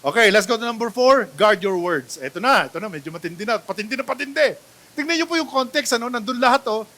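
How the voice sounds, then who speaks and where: A male pastor with a Filipino accent preaching a sermon, mixing Tagalog and English, swinging between loud exclamations and quiet asides and often checking in with the congregation. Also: very high voice, lively intonation, quick pace.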